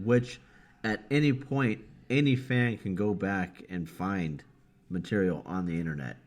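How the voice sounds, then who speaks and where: A man co-hosting a casual wrestling podcast, rambling through his points and laughing at himself. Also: low voice. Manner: rambling, laughs easily, self-mocking. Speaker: podcast co-host. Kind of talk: casual chat.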